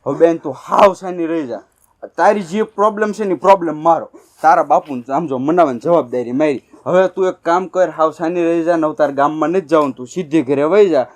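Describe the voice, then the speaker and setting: A man's voice: a little high, a little fast, a little mellow, faint music behind, close to an everyday voice. An actor playing a caring elder brother who reassures and coaxes his sister in a village drama. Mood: reassuring. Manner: reassuring, coaxing.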